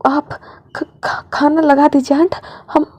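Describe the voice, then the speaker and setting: A woman's voice: high voice, moderate pace, mellow. A woman voicing a flustered young male singer in a storybook reading, stammering and scolding.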